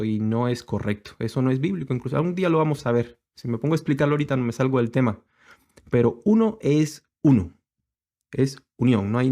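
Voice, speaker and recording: A man's voice: medium pitch, mellow. Hesitant man teaching a sermon. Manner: hesitant, many fillers and restarts, explanatory. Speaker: congregation teacher.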